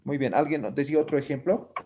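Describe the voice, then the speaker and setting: A man's voice: fairly high pitch, quick pace, mellow, slight background noise. A man teaching a language class who explains patiently and keeps checking that students follow with short tag questions. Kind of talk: live online class.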